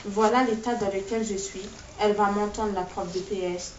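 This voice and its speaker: A woman reads her own novel aloud, phrase by phrase, in a steady, measured voice. She is recorded by a distant mic in a roomy classroom, and the sound is dull with faint background ambience. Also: medium pitch, background noise. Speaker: author reading from her book.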